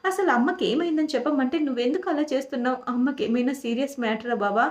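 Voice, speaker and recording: A woman's voice: high-pitched, fast talker, close to an everyday voice. A woman voicing a distressed young wife in a TV serial recap, pleading with anxious repeated questions. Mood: pleading, frightened. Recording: echoey room.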